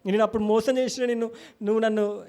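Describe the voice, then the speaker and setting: A man voicing the apostle Peter as a grown man weeping and begging forgiveness, in a high, strained, tearful voice. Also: level tone, quick pace, warm tone. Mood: weeping plea.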